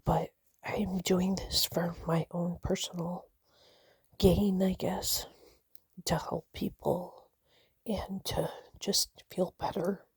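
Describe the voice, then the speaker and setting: A woman whispering a personal vlog, nervous and shaky, halting with many fillers and restarts. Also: on the low side, level tone, a little mellow, husky, no echo, poor audio. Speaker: vlogger.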